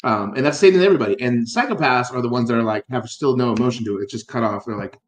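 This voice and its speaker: A man's voice: medium pitch, racing, echoey room. A man co-hosting a casual chat, rambling with many fillers and restarts and casual swearing. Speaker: podcast co-host.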